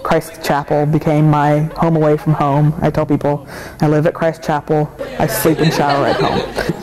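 A student gives a short testimonial about a campus ministry. The voice sits in a middle pitch range and stays warm, with light laughter now and then. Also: rough recording. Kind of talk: interview testimonial.

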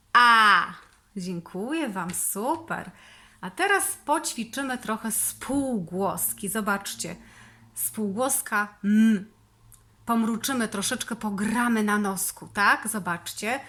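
A woman with a Polish accent leading preschool children through speech therapy exercises, giving slow, sing-song, encouraging instructions. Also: mid-range voice, fairly bright tone. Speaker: preschool teacher.

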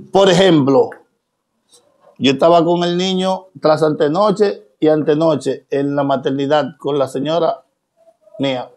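A man's voice: a little high, slow pace, pauses often, darkish tone. A man with a Dominican accent speaking straight to his followers, emphatic and preachy, full of rhetorical questions. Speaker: social media personality. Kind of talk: direct-to-camera monologue.

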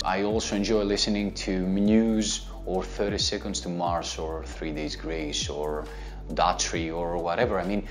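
Here a low-pitched man in his thirties, Greek by origin and accent, takes viewer questions about guitar in an easygoing, step-by-step instructional chat to camera, full of fillers. His hands gesture as he speaks. The setting is an indoor studio with a plain grey backdrop, with soft music behind him.

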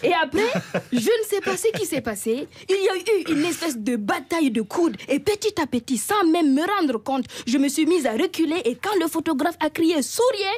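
A woman telling a comic story in a radio studio as a columnist, lively and self-mocking. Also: sits high, moderate pace, no echo.

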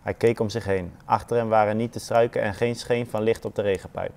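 Low, mellow man reading a children's story. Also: fairly even intonation, a little fast.

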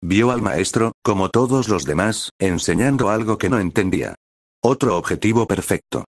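A man narrating a fan fiction story in a steady storytelling manner. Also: fairly low pitch, moderate pace, no room sound, studio quality.

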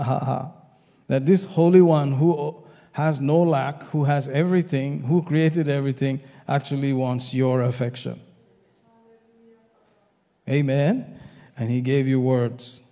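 Fervent preacher in an echoing hall. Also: male voice, a little high, dark tone. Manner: fervent, punctuated with hallelujahs and amens. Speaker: pastor. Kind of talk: sermon. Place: church hall.

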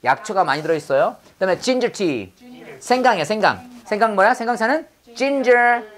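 A woman's voice: medium pitch, animated, normal speed. A woman teaching English vocabulary in a classroom drill lecture. She repeats each word, prompts the class to echo it, and slips in corny puns. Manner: drops in corny pun jokes.

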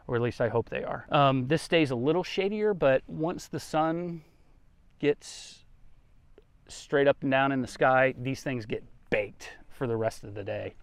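Hosting a garden tour outdoors, this gardening vlogger chats in a folksy, conversational style and explains things casually. His pitch is medium, and no room sound can be heard.

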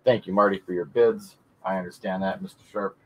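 A man's voice: low-pitched, steady tone, fairly quick, a little hiss or hum. A man hosting a live coin auction, joking and reading bids from chat. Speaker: auction host. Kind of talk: casual live auction banter.

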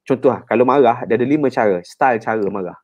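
A man with a Malaysian accent, a counselor guest on a radio talk show, explaining in an animated, teacherly way with frequent "ha" and "kan" tags, in a radio studio. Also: mid-range voice, quick pace.

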